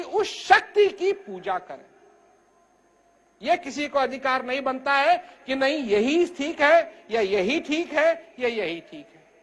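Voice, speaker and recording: An older man giving an emphatic spiritual discourse, speaking loudly and from the heart, his voice rising and falling. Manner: rises and falls in pitch and loudness. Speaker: spiritual teacher.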